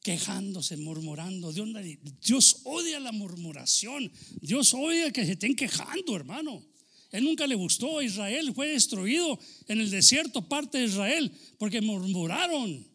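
A pastor delivers a sermon in a gravelly, fairly high voice. He is a man who swings from ringing exclamations down to quiet asides, slipping the odd English phrase into his preaching. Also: very animated, a little slow.

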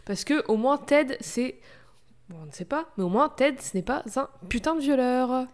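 A woman's voice: high voice, animated, normal speed. A woman co-hosting a podcast in casual chat, outspoken and sarcastic, swearing freely. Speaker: podcast co-host.

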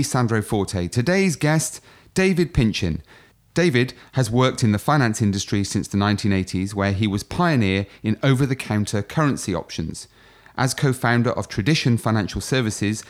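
A man hosting a podcast, reading an upbeat intro and then putting questions to his guest. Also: fairly low pitch. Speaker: podcast host.

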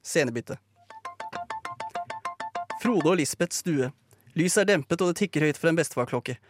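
A man narrating a live comedic radio play, reading brisk, dry stage directions. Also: a little high, animated, over music.

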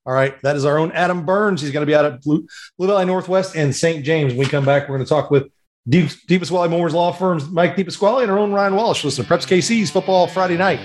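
A man's voice: a little high, fast talker. A man hosting a sports radio show, delivering live links between segments.

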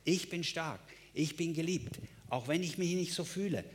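A man's voice: on the high side, moderate pace, slight background noise. A male pastor preaching a sermon, emphatic, with repeated phrases and direct address to listeners.

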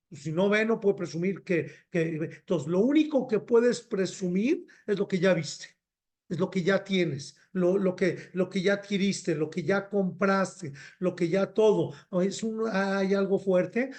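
A middle-aged man preaching as a rabbi, animated and repetitive, dropping in Hebrew phrases. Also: sits high. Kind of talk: sermon.

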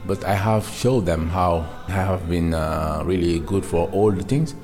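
Deep-voiced Senegalese man, halting interviewee. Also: steady tone, over music. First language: not English. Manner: halting, searching for words. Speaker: interviewee, migrant worker. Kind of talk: informal interview answers.

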